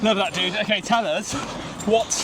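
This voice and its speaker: A man's voice: high voice, normal speed. A man interviewing in a casual, chummy way while running outdoors. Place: outdoors in an urban area, on the move. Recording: clearly noisy outdoor urban recording.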